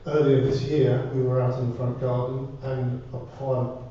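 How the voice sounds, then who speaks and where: A man speaking as a resident at a public meeting, politely and hesitantly setting out a concern in measured phrases. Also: mid-range voice, little pitch movement, dark tone. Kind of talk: spoken address to a council. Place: indoor parish council meeting room. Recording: muffled, echoey room, distant mic, faint noise.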